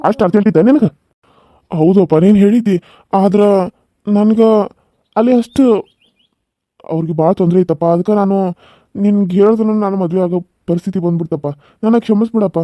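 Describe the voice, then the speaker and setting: A fairly high, quick-talking young son with a North Karnataka Kannada accent, voiced by a man, pleading earnestly with his mother. His tone is mellow and the sound is dry and close. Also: dry recording, lightly acted. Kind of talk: cartoon serial voice acting.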